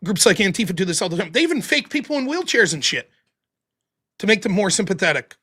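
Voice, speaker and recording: A man hosts a casual livestream, reading viewer super chats and donations aloud and reacting to them. His voice is high-pitched and husky, he talks fast with heavy breathing, and he is animated and profane, yelling about politics.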